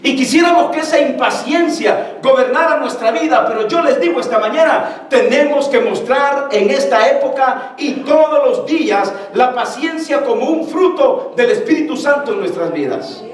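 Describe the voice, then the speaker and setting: High-voiced preaching man in echoey hall. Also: normal speed, hardly any pauses. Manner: animated preaching, addresses congregation as brothers. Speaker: pastor. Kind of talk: sermon. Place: church sanctuary. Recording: echoey church hall from far off.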